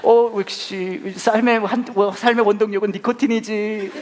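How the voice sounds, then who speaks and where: A man's voice: high-pitched, steady tone, normal speed, noisy background, pitched above the performer's own voice, lightly acted. A man voicing a middle-aged father who gushes over his lazy teenage son in an exaggerated, sing-song way. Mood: gushing.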